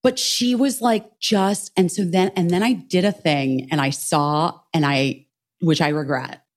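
A woman co-hosting a podcast, telling a story in casual chat, animated and swearing freely while acting out what others said. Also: on the low side, a little slow. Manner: animated, swears a lot, acts out quotes. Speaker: podcast co-host.

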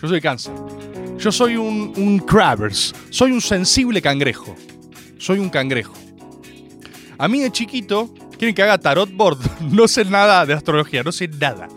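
A man's voice: high voice, moderate pace, faint music behind. A young adult man with a Rioplatense Spanish accent, hosting a comedic radio show in a joking, ranting monologue full of swearing. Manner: animated, joking, rants with swearing. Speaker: radio host.

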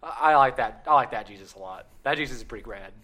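A man's voice: mid-range voice, fast talker, bright, forceful tone. A man co-hosting a podcast in casual, crude, rambling chat, laughing often. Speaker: podcast co-host.

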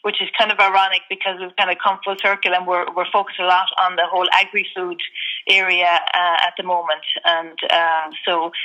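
Woman, 50s, interview guest; low-pitched, bright, measured and thoughtful delivery. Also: poor audio. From Ireland. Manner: measured, thoughtful, often pausing to gather thoughts. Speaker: guest executive. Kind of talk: conversational interview answers.

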